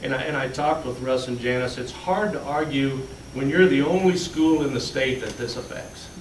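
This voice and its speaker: At a school board meeting, a school business official presents the budget, walking listeners through the handouts step by step in a plainspoken way. His mid-range voice moves at normal speed. A far-off room camera in a large, fluorescent-lit meeting room captures echoey audio with a faint hum.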